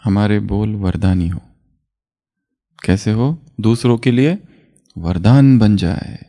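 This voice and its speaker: A man's voice: on the low side, takes it slowly, dark tone. A man giving a spiritual class talk as a teacher, asking his listeners questions and answering them himself, chuckling often while he explains.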